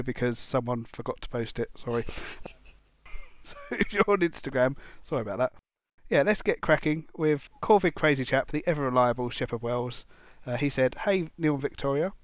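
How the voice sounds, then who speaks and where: A man's voice: mid-range voice, no echo. A man hosting a wildlife podcast in casual chat, jokey and self-deprecating, reading out listener messages. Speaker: podcast host.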